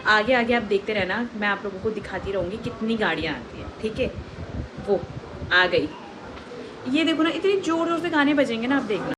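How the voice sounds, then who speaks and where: A young woman vlogging casually to the camera, chatty and exasperated, sometimes speeding up in quick bursts. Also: mid-range voice. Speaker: family vlogger. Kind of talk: casual talk to the camera, explaining her clips. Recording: noisy recording with steady background noise.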